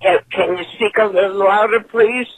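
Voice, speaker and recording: A man's voice: high-pitched, fairly even intonation, normal speed, no room sound. A man faking a confused old lady on the phone. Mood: flustered. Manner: stammering, asks to speak louder. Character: confused hard-of-hearing old woman on phone. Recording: noisy phone line.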